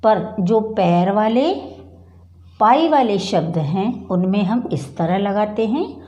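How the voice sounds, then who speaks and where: A middle-aged woman stands at the board teaching a primary school class, going slowly, repeating words with patience, and asking the children questions. Her mid-range voice is animated and dark-toned at a slow pace, and the audio sounds dull.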